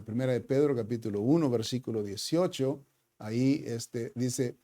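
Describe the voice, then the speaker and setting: A man preaching a sermon in a church, talking like a pastor sitting down with his congregation. His voice is mellow and dark, never sharp, and he keeps checking in with "ok?" and slips into English fillers like "so". The delivery is loose and conversational rather than polished. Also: medium pitch.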